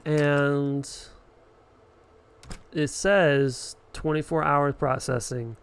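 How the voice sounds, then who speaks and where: Male streamer, gravelly voice, slow casual delivery, swears at game enemies. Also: on the high side, steady tone. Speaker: streamer playing a horror game. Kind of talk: casual live-stream chat.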